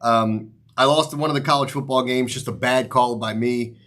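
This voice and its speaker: A man's voice: mid-range voice, fairly even intonation, moderate pace, a bit bright. Casual male sports host, slightly numb-mouthed. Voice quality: slightly off articulation, as from a numb mouth after the dentist. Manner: informal, rambling, mild swearing. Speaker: sports betting show host. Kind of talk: casual sports picks commentary, straight to viewers.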